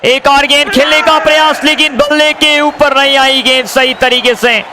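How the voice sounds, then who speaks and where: A man giving excited live cricket commentary, addressing viewers as friends and repeating stock phrases. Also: very high-pitched, normal speed. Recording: crowd and noise behind the voice.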